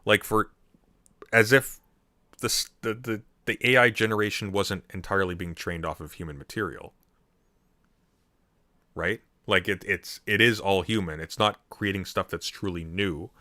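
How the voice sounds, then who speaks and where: A low-pitched man hosts a casual talk show and argues with emphatic, ranting energy. His voice is bright and forceful, often stumbling over restarts. The sound is close and dry. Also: normal speed, dry recording. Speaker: host. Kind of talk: casual podcast commentary.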